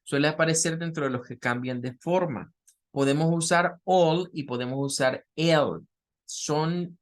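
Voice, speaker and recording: A man's voice: on the high side, a bit bright. Patient man teaching English grammar. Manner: patient, repeats words and fillers while explaining. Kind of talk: online class explanation.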